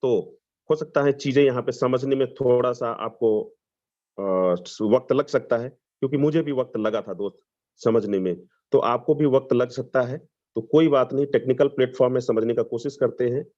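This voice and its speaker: A man from Lucknow, giving an enthusiastic sales pitch on a video call and mixing in English phrases. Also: steady tone, normal speed, dark tone. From Lucknow, Uttar Pradesh, India. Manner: enthusiastic, persuasive, mixes English phrases, repeats "dost". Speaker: webinar presenter. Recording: dull lo-fi video call audio.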